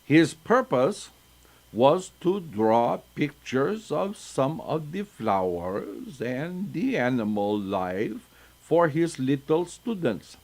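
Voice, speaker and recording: Older guy reading kids folktales, high lively voice, keeps wandering into asides. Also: takes it slowly. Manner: chatty, with digressive asides. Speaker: storyteller. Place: synagogue.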